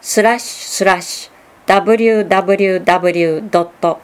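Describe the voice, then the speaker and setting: A woman announcer reading public information notices, slowly and carefully spelling out phone numbers and web addresses. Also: medium pitch, steady tone, clean tone.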